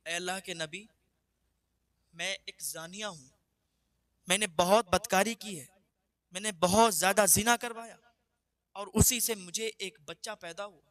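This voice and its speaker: A man voicing a remorseful woman who begs a prophet for forgiveness in a hushed, pleading way. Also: sits high, fairly even intonation, long pauses, no echo. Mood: tearful pleading.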